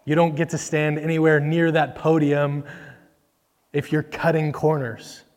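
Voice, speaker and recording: This man's voice sits on the high side with little melodic movement, and he speaks a little slowly in a mellow tone that echoes through a large hall. His sermon is chatty and full of fillers, and when reading scripture he performs the characters' voices. The microphone he uses cuts in and out.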